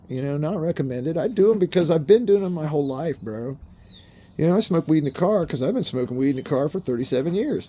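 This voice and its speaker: Sitting in his car, a vlogger in his fifties rambles through a casual monologue in a slightly high, mellow voice. He swears a lot and addresses his viewers as "bro" and "people."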